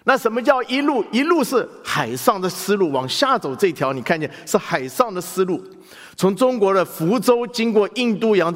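Animated male pastor preaching in a hall. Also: high voice. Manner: animated preaching with rhetorical questions to the congregation. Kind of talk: sermon.

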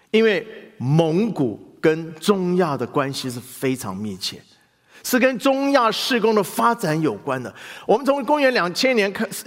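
A male pastor preaching a sermon in animated style, asking the congregation questions. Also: high voice, long reverb tail.

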